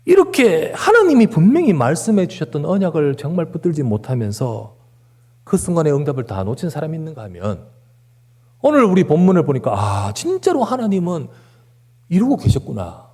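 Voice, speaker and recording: A man's voice: fairly high pitch, sing-song, fairly quick, darkish tone. A man preaching a sermon as pastor, emphatic, with rhetorical questions and repeated words. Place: church sanctuary.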